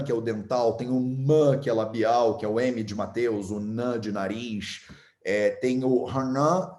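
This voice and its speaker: Male Carioca teacher, chatty and patient, mellow voice, roomy echo. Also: medium pitch. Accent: Carioca Brazilian Portuguese. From Rio de Janeiro, Brazil. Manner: chatty, explains patiently, repeats sounds aloud. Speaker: Ayurveda and Sanskrit teacher. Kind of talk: casual online lesson.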